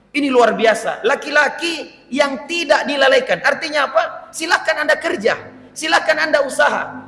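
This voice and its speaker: A man preaching a lively sermon in a mosque, laughing with the congregation and breaking into scolding asides. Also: very high-pitched. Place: mosque hall. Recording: echoey hall with reverb.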